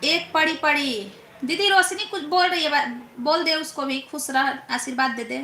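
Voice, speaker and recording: A young woman with a high, sharp voice hosts a casual live stream, playfully teasing viewers and reading their comments aloud with drawn-out questions. The room is echoey, with faint background noise.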